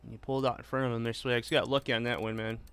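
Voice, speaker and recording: Talking rapid-fire in a medium-pitched, level, clean voice, this man streams a racing game live, casually commenting and replying to viewers as he drives. The game's loud engine noise plays over him.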